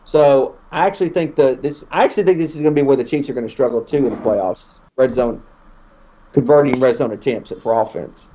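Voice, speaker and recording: A man's voice: medium pitch, fairly quick, mellow, a little hiss or hum. A married man co-hosting a live sports stream, giving rambling, opinionated takes on the game. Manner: rambling, opinionated, restarts often. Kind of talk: casual sports chat. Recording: dull lo-fi audio.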